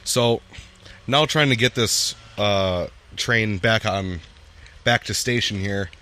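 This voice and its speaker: A man hosts a podcast in easygoing conversation, his voice sitting on the low side. He rambles and restarts sentences as he talks. He is recorded outdoors on a patio. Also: slow, pushed and bright. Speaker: podcast host. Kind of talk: casual chat.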